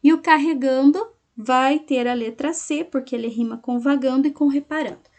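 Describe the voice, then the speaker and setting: Woman teacher, high voice, patient step-by-step explaining. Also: darkish tone. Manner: explains slowly, syllable by syllable, checking in with "tá?" and "né?". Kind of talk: recorded class lesson.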